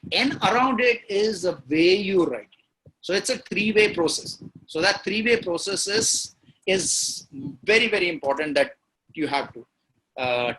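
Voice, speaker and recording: A guest writer with an Indian accent talks about storytelling in an interview, speaking emphatically, laying out his points one by one and often repeating key words. His fairly high voice has a sharp tone, and the low-quality recording carries a little hiss or hum.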